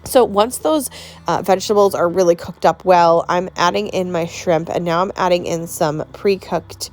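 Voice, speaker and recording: A woman with a slightly low voice walks viewers through dinner in her home kitchen. She talks in a loose, chatty way and laughs easily, over faint background music. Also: moderate pace, darkish tone. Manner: chatty, laughs often, says "like" a lot. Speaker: home cooking vlogger and mom. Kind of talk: casual cooking tutorial.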